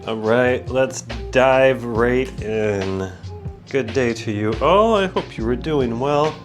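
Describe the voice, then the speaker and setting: Groggy from waking and a bit congested in the sinuses, this mid-pitched male video host takes his time over a casual, rambling unboxing and review. He's easygoing, prone to digressions and keeps cutting himself off, with guitar music behind him.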